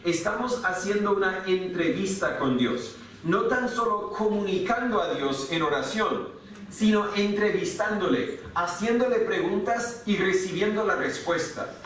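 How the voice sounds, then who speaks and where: A man's voice: high voice, lively intonation, a little slow, fairly bright tone, a little hiss or hum. A male pastor preaching a sermon in a church, earnest and full of rhetorical questions. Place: church sanctuary. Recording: echoey church hall, mic at a distance.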